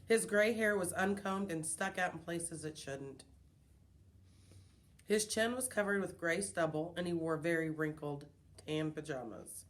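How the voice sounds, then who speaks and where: A woman's voice: lowish voice, unhurried. Woman reading a children's book aloud. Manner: expressive, storytelling. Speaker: reader.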